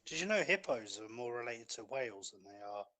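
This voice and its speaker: A man's voice: medium pitch, very animated, fairly quick, pushed and bright. A man chatting casually as a podcast co-host, blunt and prone to swearing. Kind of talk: casual banter.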